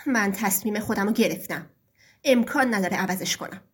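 A woman voicing a harsh, grumbling young farmer son in a storybook tale, speaking curtly with a breathy voice. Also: medium pitch, natural voice. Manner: scolding, curt.

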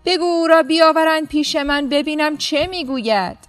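A woman voicing an arrogant, scornful male governor in a story, talking down with loud, mocking words. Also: high-pitched, soft background music, voice pushed up, natural voice. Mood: haughty. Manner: shouting, mocking and haughty.

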